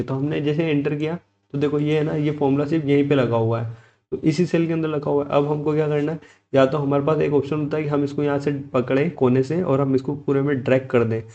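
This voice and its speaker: A man's voice: medium pitch, warm tone, lo-fi sound. A man tutoring a spreadsheet lesson step by step, often checking in with "okay" and asking his students' questions himself before he answers them. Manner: steps through clicks, repeating "theek hai" and posing students' questions himself. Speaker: computer tutor. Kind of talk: screen-recorded software tutorial.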